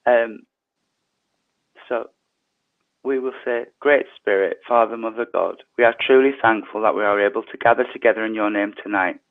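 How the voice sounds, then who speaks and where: A man leading an online prayer service, his voice tinny through an earpiece mic, reading prayers softly and slowly. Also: on the low side. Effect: tinny sound from a changed earpiece mic. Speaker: service leader. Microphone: earpiece headset mic. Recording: tinny phone-like online call.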